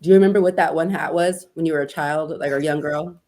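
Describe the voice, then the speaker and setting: A woman host chats easily with her guest, throwing in casual slang and encouragement. Her voice sits very low for a woman. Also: fairly even intonation, fast talker, a little mellow. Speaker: podcast host. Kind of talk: casual interview.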